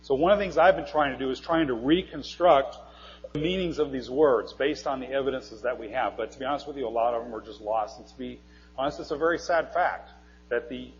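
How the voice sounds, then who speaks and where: A man's voice: medium pitch, a little fast. A man giving a live classroom lecture, quizzing his audience in a friendly, teacherly way. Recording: dull recording in a long-reverb hall.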